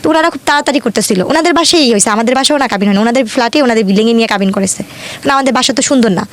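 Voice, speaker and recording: Talking very fast at a fairly high pitch, a young Bangladeshi-accented woman goes through her life story conversationally and in detail. She often quotes what people said along the way.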